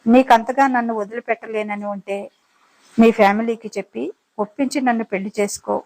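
A woman's voice: a little high, fairly even intonation, brisk, darkish tone, lightly acted, poor audio. A woman voicing a fed-up, outspoken young woman in an audiobook story, speaking with irritation and seriousness. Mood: firm. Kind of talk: dramatized audiobook reading.

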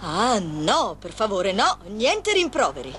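A woman's voice: mid-range voice, sing-song, slow, fairly bright tone. A woman playing a sly, sarcastic, defiant lover of a crook in a dubbed TV soap opera. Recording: old TV soundtrack, noisy room ambience.

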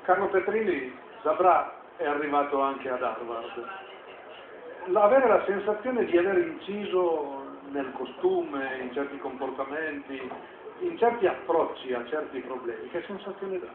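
A man narrating a news report and asking interview questions in a measured, formal way. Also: a little high, lively intonation. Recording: echoey, tinny, noisy broadcast audio.

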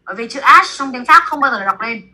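A woman teaching basic French to a class in a classroom, with a Vietnamese accent, repeating words slowly for students to echo. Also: a little high, lively intonation, a crowd in the background.

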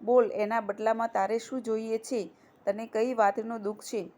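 A woman voicing a kindly female cobra spirit in a devotional folk tale, speaking gently and soothingly. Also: on the high side, flat delivery, normal speed, natural voice.

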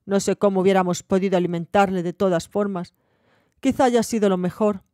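A man's voice: high-pitched, fairly even intonation, brisk, warm tone, no room sound, studio quality, lightly acted. A woman doing a weary farm father. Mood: resigned.

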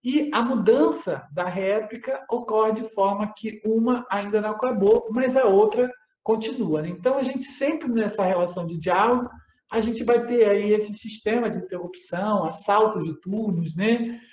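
A man giving an online academic lecture. He explains patiently, often tags his phrases with a questioning "né?" and pauses on fillers. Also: sits high, a little mellow. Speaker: university lecturer. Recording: roomy, slightly dull audio.

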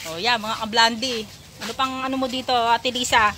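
Speaking a little fast in a fairly even, high-leaning voice, this thirtysomething woman vlogs a casual selfie tour of a countryside farm. She's chatty and giggly, greets her audience as "mga kablandi," and films on a handheld phone at arm's length with outdoor noise around her.

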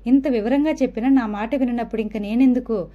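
A woman's voice: on the high side, fairly quick, narrow, tinny audio, close to an everyday voice. A woman voicing a distraught, bitter middle-aged mother who wails in self-pity. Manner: wailing, self-pitying.

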